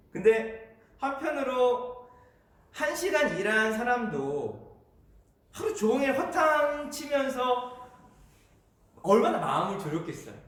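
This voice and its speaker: A man's voice: very high voice, sing-song, takes it slowly, long pauses, a bit bright. A man preaching a sermon in a church in a casual, conversational way, often chuckling and inviting the congregation to read along. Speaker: pastor. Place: church sanctuary. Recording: echoey church hall.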